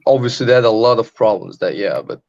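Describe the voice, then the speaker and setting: A man's voice: on the low side, animated, quick pace, gravelly, a little mellow. A man of Serbian origin talking casually about politics in an open mic discussion, rambling with many fillers and restarts. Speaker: open mic call-in participant. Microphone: webcam video call. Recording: dull lo-fi call audio.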